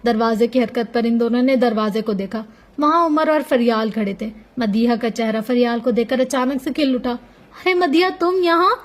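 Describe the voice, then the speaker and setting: A woman narrates a novel aloud for an audiobook. Her voice is high and her delivery steady. She reads like a storyteller. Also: normal speed.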